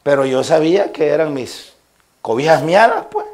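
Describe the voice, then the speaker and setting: A Salvadoran-accented pastor, male, preaches with a fairly high, expressive, darkish voice at a moderate pace. Addressing his congregation, he shares homely personal stories and rises to emphatic preaching to stress his points.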